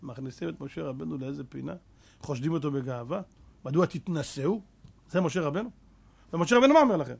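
A man's voice: on the high side, animated, creaky, slightly rough. A man preaching a Torah sermon as a rabbi, fervent and full of rhetorical questions, mixing street slang with scripture.

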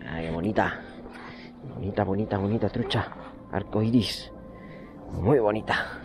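A man's voice: on the low side, unhurried, background noise. A man in his forties hosting a fishing vlog, talking eagerly and exclaiming often, recorded outdoors by a lake on an action camera. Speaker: fishing channel host. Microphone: action camera, close framing.

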